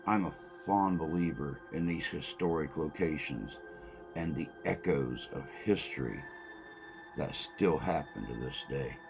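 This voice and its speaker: Very deep, gravelly, slow-talking man. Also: over music. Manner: deliberate, dramatic pauses. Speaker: podcast host. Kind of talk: slow reflective podcast narration.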